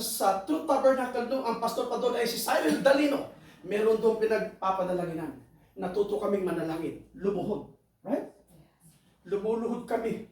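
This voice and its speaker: High-voiced, emphatic preacher in an echoey hall. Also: male voice. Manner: emphatic, keeps asking the congregation "right?", bursts into high shouts. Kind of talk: sermon. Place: church hall. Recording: echoey hall, voice far from the mic.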